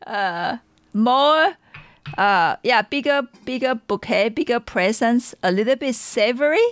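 A woman from Taiwan with a Taiwanese accent, a tea seller chatting casually and tasting tea, animated and giggly as she tells stories. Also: fairly high pitch, unhurried, clean tone, dry recording.

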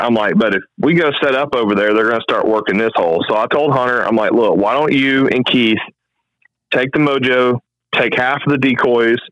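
A man telling a hunting story in a casual podcast chat, animated and quick, acting out what people said. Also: mid-range voice, no echo, lo-fi sound. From American Midwest.

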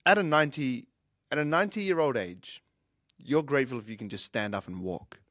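In a clean, roomless studio recording, a thirtysomething podcast host and fitness coach talks at a fairly quick clip in a medium-pitched, slightly bright voice. His casual monologue is earnest and reflective, covering life lessons, with frequent sentence restarts.

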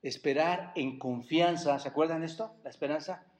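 A man's voice: a little high, normal speed. A man preaching a sermon as pastor, asking the congregation rhetorical questions and drawing out key words for emphasis. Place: church service.

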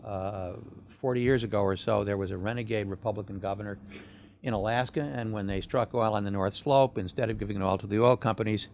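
A man answering an audience question at a public talk in a measured, thoughtful way, with rhetorical questions. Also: fairly low pitch.

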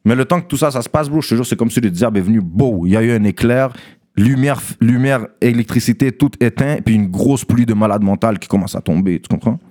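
A young man tells a story to friends in a casual, animated way, mixing in English slang and often asking "tu comprends?". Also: medium pitch, fast.

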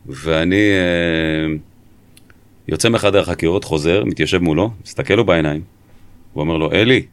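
A man, a former police interrogator, recounting in an interview how he questioned a suspect, speaking in a measured, emphatic way. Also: deep voice, clear, resonant tone, dry recording.

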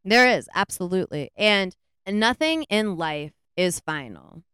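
A woman co-hosting a podcast, retelling a film's plot in a rambling, animated way with lots of "like"s. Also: medium pitch, measured pace, smooth, no echo, clean studio sound. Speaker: podcast co-host. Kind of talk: casual movie review chat.

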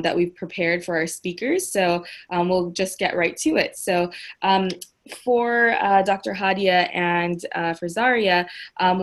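A woman hosting an online panel over a video call, speaking casually with many hesitant fillers. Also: mid-range voice. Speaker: host, mosque founder.

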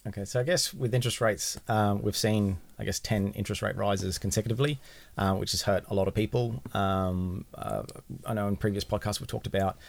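An Australian man talks as a finance guest on a podcast, explaining in a casual, hedging way. His voice sits fairly low with a clear gravelly creak. The recording is dry and close. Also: fairly even intonation, brisk, no echo.

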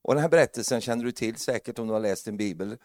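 A man preaching a lively sermon, joking with the congregation and building to loud, emphatic preaching. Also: lowish voice, no echo, studio quality.

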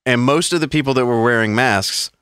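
A man's voice: mid-range voice, a little fast, fairly bright tone, clean tone, no room sound, clean studio sound. A man on a casual podcast, telling long rambling stories full of swearing. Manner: rambling storyteller, heavy swearing, mocking voices in quotes. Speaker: podcast co-host. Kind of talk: casual profane chat.

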